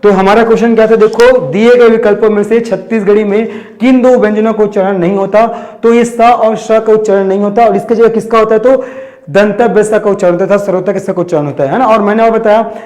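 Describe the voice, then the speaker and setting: A man from Chhattisgarh with a fairly high voice teaches an exam-prep grammar lesson. He keeps posing questions and answering them himself, repeating each key term. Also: fairly even intonation, quick pace, darkish tone. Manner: asks and answers his own questions, repeats key terms.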